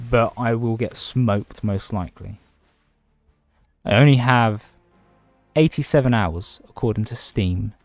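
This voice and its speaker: A man's voice: lowish voice, dry recording. A man casually chatting on a livestream from home, rambling between topics and greeting viewers by name. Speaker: livestreaming gamer.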